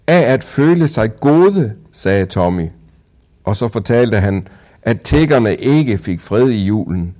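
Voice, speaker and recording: A man reading a first-person children's story aloud in a calm, even storytelling manner. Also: fairly low pitch. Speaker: audiobook narrator.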